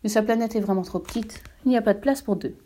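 A woman reading aloud and voicing a gentle, curious little boy who asks earnest questions. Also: mid-range voice, fast, natural voice. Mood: wondering.

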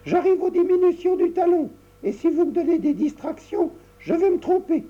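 A man's voice: expressive, moderate pace. A man voicing a serious, impatient little girl who knits, in a storybook reading. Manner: shrill and bossy. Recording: dull lo-fi recording.

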